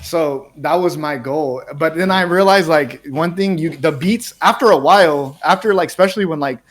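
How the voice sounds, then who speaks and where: A laid-back American man hosting a casual chat. His voice sits a little high for a man, and the talk rambles and loops, with "bro" and "like" in almost every sentence. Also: normal speed, fairly bright tone. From United States. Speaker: podcast host and music producer.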